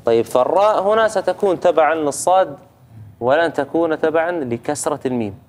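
A Quran recitation judge with a Gulf Arabic accent gives a reciter patient tajweed feedback, demonstrating sounds and checking in often. His voice is a little high and a little fast, with a faint hiss or hum on the recording.

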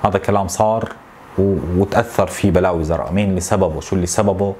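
A man in his thirties with a Syrian Arabic accent, venting to camera in a frustrated, complaining way, with halting repetitions. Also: low voice, steady tone, darkish tone, a little hiss or hum. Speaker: tech YouTuber. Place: small home office, indoors.

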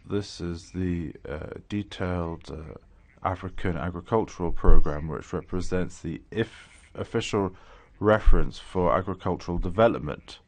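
A man giving simultaneous interpretation into English at a policy briefing, speaking in a measured way with frequent hesitations and restarts. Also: low-pitched. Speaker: conference interpreter.

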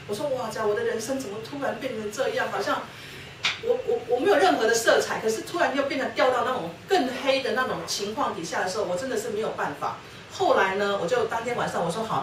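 A middle-aged woman gives a church testimony at a brisk pace, acting out each exchange she recalls. She sounds set back from the microphone, and the hall around her is roomy and echoing. A faint hiss sits under her voice. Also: on the high side. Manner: storytelling, acting out quoted dialogue. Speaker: guest speaker sharing her testimony with her husband. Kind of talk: personal testimony talk at a church lecture. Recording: roomy hall, distant mic, faint noise.

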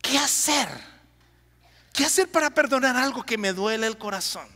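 Here a male pastor leads his congregation in repeating phrases during a sermon, his extremely high, sharp voice moving with lively intonation at normal speed. The sound carries a long hall reverb.

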